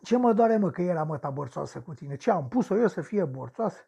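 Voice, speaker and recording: A man's voice: sits high, lively intonation, gravelly, dark tone, husky, highs cut off, full character voice. A man acting a coarse, boastful male serial killer in a radio drama monologue, ranting and sneering at the victims who haunt him.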